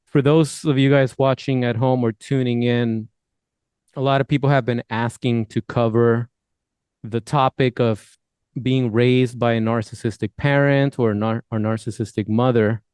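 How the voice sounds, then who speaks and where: Male podcast host, smooth voice, dry close sound, rambling friendly questions. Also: medium pitch, steady tone, moderate pace, a little mellow, no room sound. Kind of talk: casual interview hosting.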